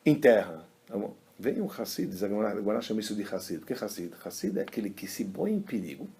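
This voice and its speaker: A man, a rabbi giving a casual religious lesson and telling stories in an animated, colloquial way. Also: lowish voice, quick pace, slight background noise. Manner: animated, colloquial storyteller, acting out quotes. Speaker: rabbi teaching a class.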